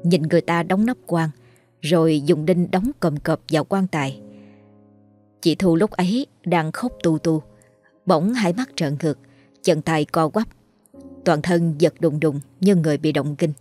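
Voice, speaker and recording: A woman narrating a horror story in a steady, even storytelling voice. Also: sits low, a little slow. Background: faint music.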